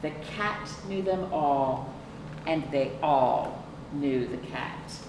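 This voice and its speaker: Here the same kind of storytime reading comes in a deep voice with vocal fry: a middle-aged woman, a children's librarian, carefully explaining a picture book to little kids and asking rhetorical questions. A camera several feet off captures her in a room with a sofa, so the sound is distant, echoey and noisy.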